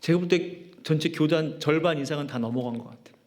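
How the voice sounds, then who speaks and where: A man's voice: a little high, quick pace, a little mellow. A man preaching a sermon as pastor, emphatic and full of rhetorical questions. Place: church sanctuary.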